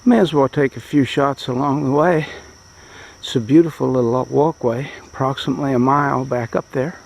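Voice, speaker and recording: A man narrating a fishing trip outdoors by a rural creek in a plain, matter-of-fact, unhurried way, speaking into a handheld camera. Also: mid-range voice, steady tone, vocal fry. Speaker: fishing vlogger. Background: insects and countryside ambience.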